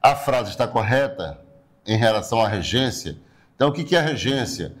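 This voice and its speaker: A Brazilian man teaches a recorded online grammar lesson at a steady, explanatory pace. His voice sits in an ordinary middle pitch. He repeats key words and checks in with his listeners often. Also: a little fast. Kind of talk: recorded online class lecture.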